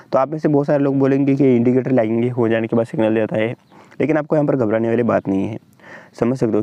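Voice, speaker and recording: Indian guy racing through a chart tutorial, dark mellow voice, dry dull mic. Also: mid-range voice, dry recording. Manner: fast, repetitive explainer, keeps pointing at the chart. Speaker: trading channel host. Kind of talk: screen-share trading tutorial.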